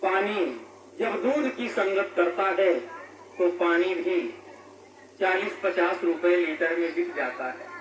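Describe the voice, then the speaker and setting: A male preacher telling a devotional story in a drawn-out style, turning to address his listeners. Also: high voice, expressive, fairly bright tone. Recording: echoey hall, distant mic, background noise.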